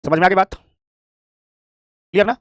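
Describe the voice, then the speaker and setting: A man teaching an economics class, talking quickly and often asking if students understood. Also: sits high, no echo, clean studio sound. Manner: fast, lively, repeats "ठीक" and checks understanding; acts out complaining shopkeepers. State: tired from standing. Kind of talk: classroom lecture.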